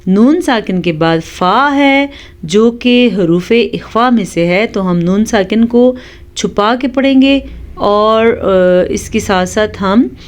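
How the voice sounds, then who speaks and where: A woman teaching Quran recitation rules, explaining each one calmly and reciting words slowly and drawn out. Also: mid-range voice. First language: Urdu. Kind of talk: tajweed lesson with slow recitation.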